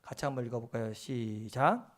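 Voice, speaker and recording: A male pastor preaching a sermon, acting out the lines of the people in his stories and swinging from soft asides to loud emphasis. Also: mid-range voice, a little fast. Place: church.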